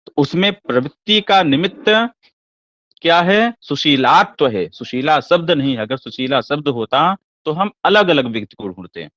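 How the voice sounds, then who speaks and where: A man's voice: fairly high pitch, expressive, normal speed, a bit bright, dry recording. A man teaching classical Sanskrit poetics in a lecture, asking rhetorical questions and answering them himself. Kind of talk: explanatory lecture. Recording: dull lo-fi dry recording.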